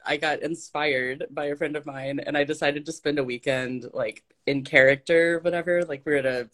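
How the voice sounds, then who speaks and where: A woman's voice: deep voice, steady tone, normal speed, fairly bright tone. A woman from Arkansas, hosting a podcast in casual chat, self-deprecating and laughing often. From Arkansas, US South.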